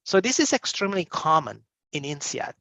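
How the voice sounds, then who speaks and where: Gravelly emphatic man explaining admissions. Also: a little high, big pitch swings, fairly quick, bright, forceful tone, dry recording. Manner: emphatic, repeats "right?" often. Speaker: admissions representative. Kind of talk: interview answer.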